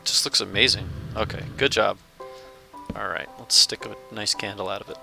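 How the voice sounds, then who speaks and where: A man's voice: fairly low pitch, steady tone, normal speed, gravelly, bright, forceful tone, faint music behind. A man casually talking through his gameplay as a channel host, thinking aloud and chuckling now and then. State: hiccups. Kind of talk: casual let's-play commentary.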